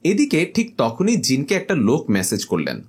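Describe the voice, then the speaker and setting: A man narrating a scripted comic horror story in an animated, playful way. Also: medium pitch, normal speed, husky.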